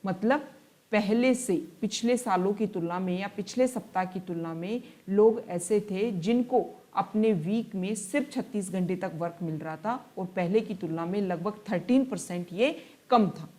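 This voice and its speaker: Woman tutor, mid-pitched, newspaper analysis lesson: slow read-outs in English, patient explanations in Hindi. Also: warm tone. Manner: reads English passages slowly, then explains in Hindi; explanatory, repeats and rephrases points. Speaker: exam-prep tutor.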